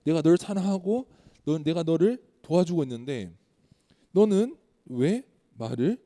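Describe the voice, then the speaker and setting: A man's voice: on the high side, animated, a little slow, warm tone. Man doing God from the storm, stern, commanding, rhetorical questions, long reverb.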